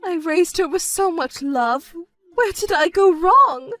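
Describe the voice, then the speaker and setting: A woman playing a shrill self-pitying stepmother. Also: expressive, slow pace, fairly bright tone, no echo, soft background music, heavily acted. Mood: indignant. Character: shrill selfish middle-aged stepmother, whiny and manipulative. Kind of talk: dramatized story narration.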